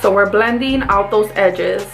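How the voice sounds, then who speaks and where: A woman's voice: mid-range voice, a little slow, gravelly, fairly bright tone, soft background music. A woman with a Mexican accent, chatting casually through a makeup tutorial as a beauty vlogger and talking viewers through each step.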